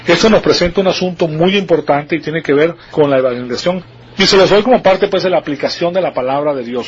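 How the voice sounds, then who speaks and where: A man's voice: on the high side, muffled recording, a little hiss or hum. A man preaching an expository Bible sermon, explaining patiently and asking the congregation rhetorical questions.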